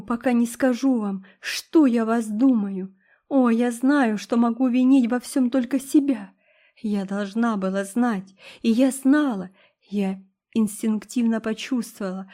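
A woman's voice: a little high, mellow, lightly acted. A woman voicing a melodramatic, self-pitying young woman who was jilted, speaking in a gushing, tearful, theatrical way.

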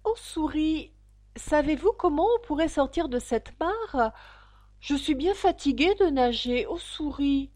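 A woman's voice: sits high, lively intonation, a little slow, darkish tone, no room sound, voice pushed up. A woman voicing a polite, chatty young girl in a storybook reading, talking earnestly in a rush.

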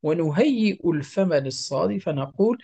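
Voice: mid-range voice, animated, normal speed, gravelly, warm tone, breathy edge. A Quran recitation teacher giving a methodical, step-by-step lesson, repeating each example and drawing out the nasal sounds to show them.

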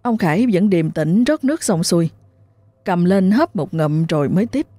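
A woman narrating a horror story in a steady, unhurried way. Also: fairly low pitch, dry recording.

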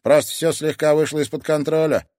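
A man voicing an excited young male prankster in an audiobook. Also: fairly high pitch, a little fast, no echo, clean studio sound, pitched above the performer's own voice, natural voice. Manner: excited, excusing himself.

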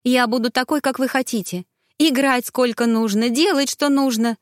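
A woman's voice: a little high, normal speed, no room sound, studio quality, voice pushed up, close to an everyday voice. A woman voicing a desperate young noblewoman who pleads urgently and breathlessly. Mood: pleading.

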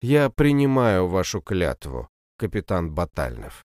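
A man reading the lines of a young empress in an audiobook, formal and measured. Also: medium pitch, sing-song, darkish tone, clear, resonant tone, no room sound, studio quality. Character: young empress, composed and calculating.

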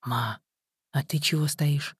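A man's voice: fairly high pitch, fairly even intonation, slow, slightly rough, no echo, clean studio sound, full character voice. The narrator voicing a young man who whispers in surprise to his mother. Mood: hushed surprised. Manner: whispering, hushed.

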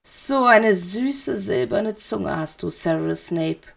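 Voldemort, a woman voicing a hushed silky dark lord. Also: medium pitch, animated, slow, creaky, breathy edge, exaggerated voice. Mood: silky menace. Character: cold, silky male dark lord, cruelly amused.

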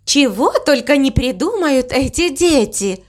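A woman's voice: high voice, expressive, unhurried. A woman voicing a jubilant, carefree cow mother in a storybook reading, gushing with delight.

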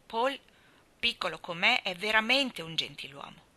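A woman voicing a kind young schoolteacher who speaks in a gentle, earnest way in a storybook reading. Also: mid-range voice, lively intonation, normal speed.

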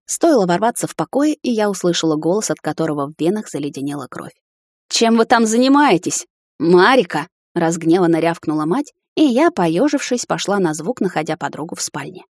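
Female audiobook narrator, first person; measured, expressive, low-set voice, dry. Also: dry recording.

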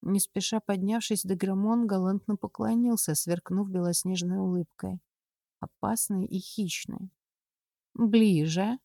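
A woman reading a first-person story aloud in a measured, expressive way, close to the mic. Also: medium pitch, vocal fry, dry recording. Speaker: audiobook narrator. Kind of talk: scripted first-person narration.

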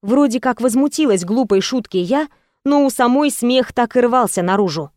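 A woman with a fairly high voice narrates a first-person romance audiobook. She reads softly and intimately and colors each scene with expression. The recording is close and dry, with no room sound. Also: expressive, moderate pace, dry recording. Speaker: audiobook reader.

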